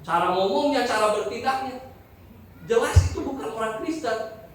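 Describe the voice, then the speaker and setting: High-voiced man preaching in an echoey church. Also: normal speed, a little hiss or hum. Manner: joking, conversational preaching with rhetorical questions to the congregation. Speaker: pastor. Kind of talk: sermon. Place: church hall. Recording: very echoey hall, from a distance.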